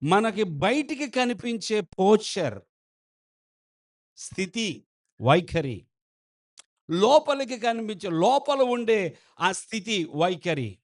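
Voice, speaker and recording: A male pastor preaching in a church, his voice sitting a little high for a man. He speaks with slow, deliberate emphasis and often stops to put questions to his congregation. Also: very animated. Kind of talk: sermon.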